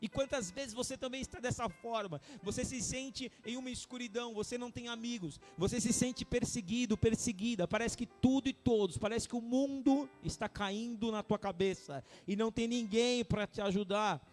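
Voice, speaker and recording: A man preaching as pastor, speaking intimately to his congregation and then building to impassioned, shouted appeals. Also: very high-pitched, normal speed, few pauses, soft background music. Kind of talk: sermon.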